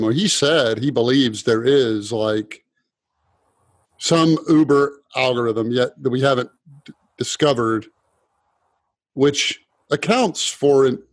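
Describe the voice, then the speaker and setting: A man's voice: mid-range voice, breathy edge, no room sound. A man hosting an interview podcast, asking long, curious questions and thinking aloud as he goes. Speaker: podcast host.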